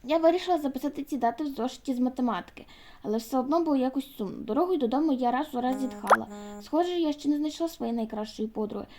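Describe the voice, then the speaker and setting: A woman reading a children's book aloud, expressive and lightly voicing the characters. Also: high voice, very fast, slight background noise. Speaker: audiobook reader.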